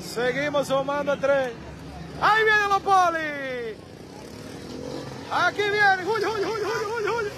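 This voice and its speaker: Livestreaming from a busy street on his phone, a man with a Dominican accent delivers excited commentary full of exclamations and laughs. His voice is very high, yet he speaks slowly with long pauses, while crowds and traffic roar behind him.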